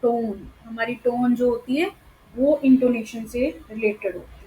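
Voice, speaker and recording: A woman's voice: fairly high pitch, a little slow, warm tone, echoey room, low-quality recording. Patient woman teacher explaining exam answers. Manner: mixes Hindi with English terms, explains step by step; checks in with listeners often.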